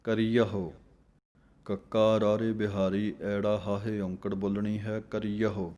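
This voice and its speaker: A man teaching scripture recitation. He chants verses slowly and then explains the spelling letter by letter. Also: fairly low pitch, flat delivery, dark tone.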